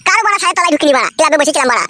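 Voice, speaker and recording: Voice actor doing a shrill, brawling cartoon wife, Jhuma. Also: animated, racing, heavy background noise. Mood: scolding. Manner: shrill, scolding, hurls insults. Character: brash foul-mouthed twice-married village wife.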